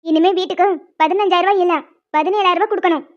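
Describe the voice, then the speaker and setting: A woman with a very high-pitched voice speaks rapid-fire with fairly even intonation, doing cartoon voice acting. She plays a harsh, bossy, middle-aged stepmother in a scolding mood, scolding and threatening, and the recording has a dull lo-fi sound.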